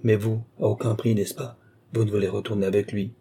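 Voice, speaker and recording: A man reading an audiobook, voicing a calm, dignified royal princess. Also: fairly low pitch, a little fast, breathy edge. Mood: reassuring.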